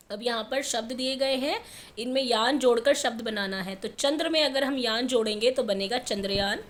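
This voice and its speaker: A woman's voice: on the high side, fairly bright tone. A woman teacher patiently explaining a textbook lesson to young children step by step. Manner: patient, step-by-step, repeats answers slowly. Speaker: primary school teacher.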